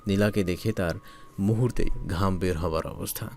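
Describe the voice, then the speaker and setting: Brief: male narrator, lowish voice, calm romantic storytelling. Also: moderate pace, a little hiss or hum.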